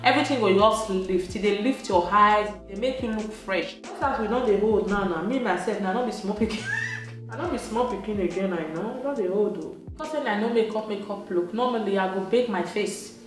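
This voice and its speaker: A woman's voice: medium pitch, fairly quick. Chatty Nigerian woman in an echoey room. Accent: Nigerian, Edo. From Nigeria, Benin City, Edo State. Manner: chatty, laughs often, slips into Pidgin. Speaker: beauty vlogger. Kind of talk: casual makeup tutorial in Pidgin English. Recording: very echoey room, soft music behind.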